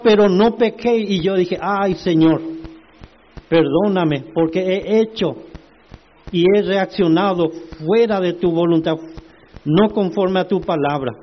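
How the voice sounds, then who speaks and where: A man preaching a sermon, slow and emphatic, asking the congregation rhetorical questions. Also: high-pitched, dull audio.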